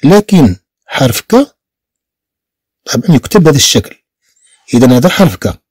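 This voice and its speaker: A man's voice: mid-range voice, sing-song, darkish tone, husky, dry recording, studio quality. A man with a Moroccan Arabic accent teaching a beginner French lesson, spelling out letters and repeating each sound patiently. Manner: slow, repetitive spelling-out of sounds.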